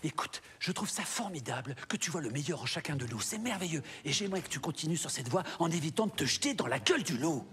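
A man playing a wry, smooth-talking schemer in a video game, eloquent and playfully sardonic. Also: a little high, sing-song, quick pace, few pauses, a bit bright. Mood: coaxing, wry. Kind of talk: video game drama acting.

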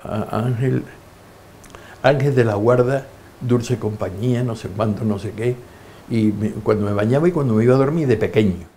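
A man's voice: fairly low pitch, fairly quick, slight background noise. An older man in an interview, telling his life stories and acting out the voices of people in them. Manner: lively anecdotes, acting out quoted voices. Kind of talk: storytelling interview.

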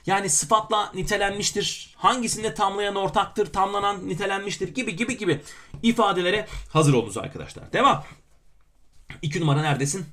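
Fast-talking, joking male grammar teacher. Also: high-pitched. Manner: joking, self-mocking asides between lively emphatic explanations. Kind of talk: exam question walkthrough lesson.

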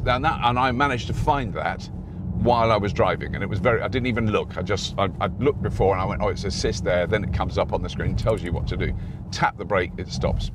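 A middle-aged man hosting a car review, talking casually while he drives, rambling and restarting his sentences. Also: low-pitched. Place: inside a moving car. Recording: road noise in a moving car.

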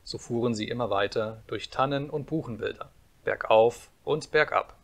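Man calmly reading a fairy tale. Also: medium pitch, normal speed, creaky. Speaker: audiobook narrator.

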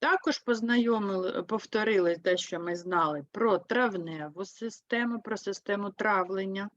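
A woman teaching an online lesson for third graders, with a Ukrainian accent, speaking slowly and clearly and putting lively stress on key words. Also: medium pitch, no room sound, muffled recording. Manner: slow, clear, explains with lively emphasis. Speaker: primary school teacher.

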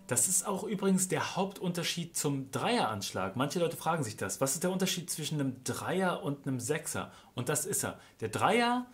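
A man's voice: fairly high pitch, big pitch swings, normal speed, hardly any pauses. A man teaching guitar strumming in a casual way, counting the beats aloud and stressing the accented counts. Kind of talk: casual instructional talk with counting. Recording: guitar playing under the voice. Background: acoustic guitar playing.

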